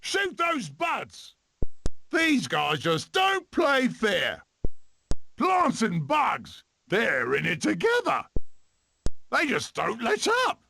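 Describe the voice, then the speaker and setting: A man voicing an eccentric swashbuckling weasel adventurer in a cartoon game, with a gravelly voice and theatrical, manic delivery. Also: high-pitched, huge pitch swings, slow pace, sharp tone, slight background noise, exaggerated voice. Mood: battle frenzy.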